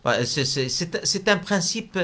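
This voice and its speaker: A man's voice: fairly high pitch, animated, measured pace, sharp tone. A man from Algeria, a business leader interviewed in a debate, talking hesitantly with many fillers and restarts.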